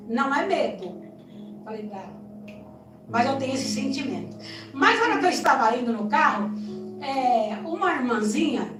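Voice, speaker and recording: A woman giving an emotional testimony in a church, telling her story in an animated way with frequent tag questions. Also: high voice. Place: church sanctuary. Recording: echoey church hall, distant mic, soft music.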